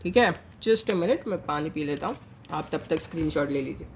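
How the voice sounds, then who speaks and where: A young man with an Indian English accent teaching a maths lesson, switching between Hindi and English and slowing down to dictate each working step. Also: a little high, animated, a little hiss or hum.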